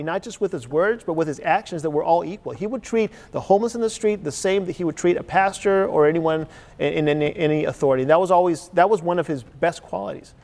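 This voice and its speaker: Man, 40s, raised in Chile, pastor, earnest conversational sermon, ringing hall echo. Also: high-pitched. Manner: earnest, searching, conversational preaching with many rhetorical questions.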